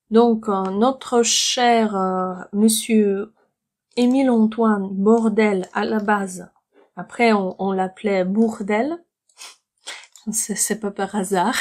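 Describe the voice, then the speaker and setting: A woman from France teaches a relaxed language lesson indoors, talking very slowly and patiently. She repeats each word with care and often sinks into a soft murmur. Her voice sits at a middle pitch. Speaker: French teacher. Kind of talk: slow explanatory language lesson.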